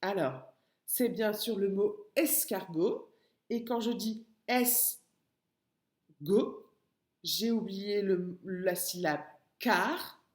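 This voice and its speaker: A woman teaching a phonics lesson to young children, breaking words into syllables slowly and patiently. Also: medium pitch, roomy sound. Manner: slow, syllable-by-syllable, patient explaining. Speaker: kindergarten teacher.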